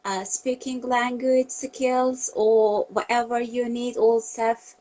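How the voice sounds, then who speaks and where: Slow, cheerful young woman from Turkey. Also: fairly high pitch, little pitch movement, dark tone, poor audio. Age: 20s. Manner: cheerful, enthusiastic. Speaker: interviewee. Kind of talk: live video call mock interview. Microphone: video call.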